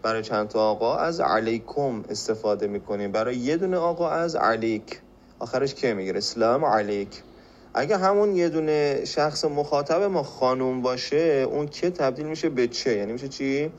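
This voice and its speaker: A man from Iran teaching a spoken language lesson on a podcast. He explains patiently, repeats phrases slowly and asks rhetorical questions. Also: mid-range voice, highs cut off, slight background noise.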